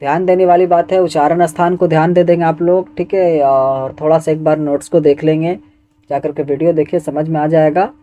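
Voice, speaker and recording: A man's voice: on the high side, fairly even intonation, a little fast, dark tone, dull audio. A man teaching Hindi grammar who reads each exam question and its options aloud, then asks for the answer and repeats it. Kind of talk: exam question walkthrough lesson.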